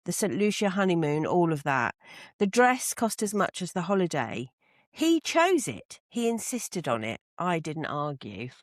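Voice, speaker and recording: A woman voicing a posh woman in her sixties, reading a listener's letter in a measured way. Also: lowish voice, big pitch swings, dry recording, studio quality. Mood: reflective.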